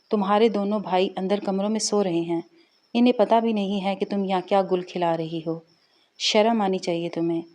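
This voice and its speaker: A woman's voice: mid-range voice, mellow, natural voice. A woman voicing an indignant young married woman in a spoken story, scolding sharply.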